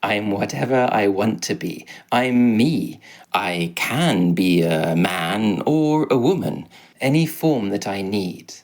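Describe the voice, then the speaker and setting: A man voicing a kindly, wise old shape-shifting guide in a storybook tale, speaking calmly and gently. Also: on the low side, takes it slowly. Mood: serene.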